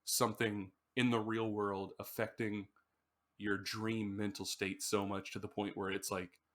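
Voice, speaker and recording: A man's voice: on the low side, little pitch movement, measured pace, a bit bright. A man co-hosting a podcast in casual chat about an album, telling stories in a loose, rambling way. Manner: rambling storyteller, acts out screams. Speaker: podcast co-host.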